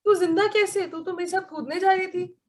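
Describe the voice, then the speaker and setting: A woman's voice: extremely high pitch, fairly even intonation, a little fast, darkish tone. A woman playing a gloomy, melodramatic teenage schoolgirl in an amateur church skit, wailing and theatrical. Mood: flustered. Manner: wailing, theatrical, doom-mongering.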